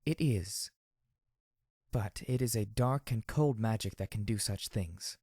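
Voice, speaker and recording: A man reading an audiobook, voicing a calm and distant female zebra spirit-medium who speaks in a slow, measured, solemn way. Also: lowish voice, slightly rough, no echo, studio quality.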